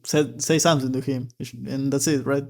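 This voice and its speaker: A man's voice: mid-range voice, steady tone, moderate pace, a little mellow. A man reading a manga aloud and commenting on it in a casual, hesitant way, often repeating words as he thinks.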